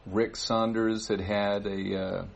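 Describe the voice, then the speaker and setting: A man giving church announcements, halting with many fillers. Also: lowish voice, level tone, creaky, lo-fi sound. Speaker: worship leader giving announcements. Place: church service.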